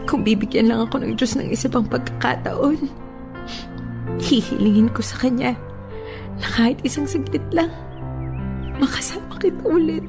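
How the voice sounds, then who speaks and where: In a Filipino radio romance drama, an actress with a high, gravelly voice and a Filipino accent plays a tender young woman who is grieving, pleading, and torn about loving again. Her delivery is emotional and heartfelt at a moderate pace with frequent pauses, over a music bed.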